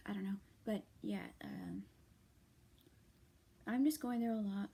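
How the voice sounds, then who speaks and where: Speaking to her viewers in the late hours, a tired young vlogger lets off steam softly and haltingly, half-whispering much of the time and filling gaps with ums. Her voice is medium-pitched and a little hoarse.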